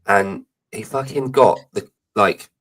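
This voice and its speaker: Low-voiced man swearing through casual chat. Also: slow pace, breathy edge. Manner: swears freely, storytelling with animated asides. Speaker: podcast co-host.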